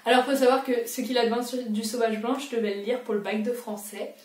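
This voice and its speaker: A woman's voice: on the high side, steady tone, a little fast, a little mellow, distant mic. A young woman talks through a quiz in a casual, self-mocking vlog voice. She sits a little back from the mic in a roomy, echoing space. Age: young adult. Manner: chatty, self-mocking, thinking aloud. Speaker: booktuber.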